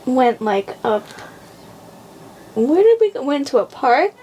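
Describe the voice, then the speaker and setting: A woman's voice: high-pitched, big pitch swings, takes it slowly, dark tone, far from the mic, a little hiss or hum. A young woman co-hosting a podcast, chiming in with short playful quips in casual chat. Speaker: podcast co-host.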